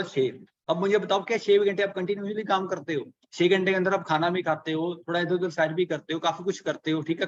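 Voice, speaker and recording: A man with a fairly high voice leads a live online workshop on productivity. He keeps asking his audience rhetorical questions and walks through arithmetic one step at a time. The webinar audio sounds dull and lo-fi. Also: fairly bright tone. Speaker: online business coach.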